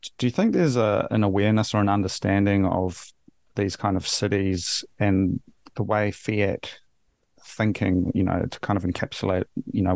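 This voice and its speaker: Low gravelly man from New Zealand. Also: a little mellow, no room sound. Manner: rambling, restarts a lot. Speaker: podcast host. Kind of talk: casual interview chat.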